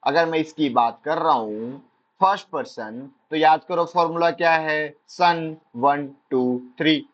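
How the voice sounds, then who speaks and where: A man's voice: fairly high pitch, measured pace, dull audio. A male teacher giving an exam-prep grammar lesson, drilling points playfully with jokey asides.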